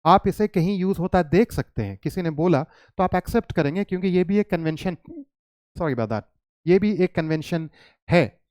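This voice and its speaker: An English teacher gives a classroom grammar lesson, mixing Hindi and English, reading English sentences slowly and asking and answering his own questions. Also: on the high side, animated, darkish tone, no room sound, clean studio sound. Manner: mixes Hindi and English, reads English lines slowly; addresses students as children, asks and answers his own questions.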